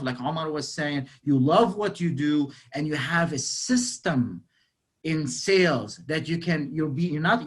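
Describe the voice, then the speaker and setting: Forties male, lifted pitch; lively presenter on a video call who keeps asking the room questions. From Lebanon. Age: 40s. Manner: energetic, quizzes the audience, frequent "you know". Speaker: real estate sales speaker. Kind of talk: interactive motivational talk.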